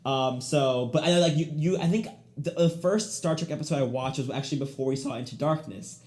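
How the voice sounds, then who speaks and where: A man's voice: a little high, a little fast, darkish tone. Rambling man in an echoey room. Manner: rambling, many restarts and fillers. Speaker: podcast co-host. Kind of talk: casual movie chat.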